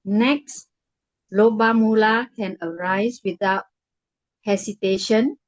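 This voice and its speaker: A woman student with a Singaporean or Malaysian Singlish accent, speaking on an online call and reading a text aloud carefully and deliberately. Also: mid-range voice, a little mellow, highs cut off. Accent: Singaporean or Malaysian English.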